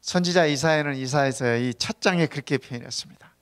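A man's voice: fairly high pitch, fast, a bit bright. Conversational male pastor preaching. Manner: conversational, often asks the congregation for agreement; tells humorous stories. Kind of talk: sermon. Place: church sanctuary.

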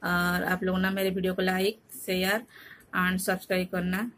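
A tired woman from Odisha, India, telling a home vlog in a casual, halting way, often searching for words and restarting. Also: lowish voice, flat delivery, fairly bright tone, slight background noise. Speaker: vlogger. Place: home at night.

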